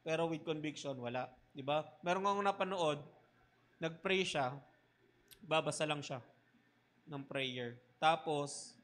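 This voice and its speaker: A Filipino man, a pastor, preaching a sermon in mixed Tagalog and English, often tagging lines with "di ba?" and swinging between loud emphatic bursts and quiet low asides. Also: measured pace, pauses often. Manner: Taglish preaching, keeps asking "di ba?".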